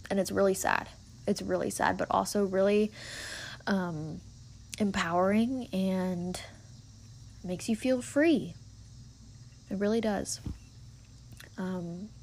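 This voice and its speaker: A woman's voice: medium pitch, gravelly, darkish tone, slight background noise. A woman in her twenties hosting a casual solo podcast, talking earnestly and encouragingly with lots of filler words. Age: 20s. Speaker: podcast host.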